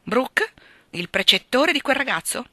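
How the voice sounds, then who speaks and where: A woman's voice: mid-range voice, very animated, a little fast, bright, forceful tone, no echo. A woman voicing an imperious, scolding rich old aunt in a storybook reading. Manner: imperious, bossy, bangs her cane.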